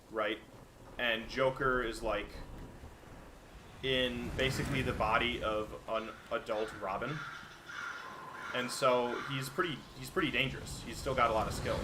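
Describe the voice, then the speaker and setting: A man's voice: mid-range voice, noisy background. A man giving casual gameplay commentary as a streamer, chatty and explanatory. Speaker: gaming streamer.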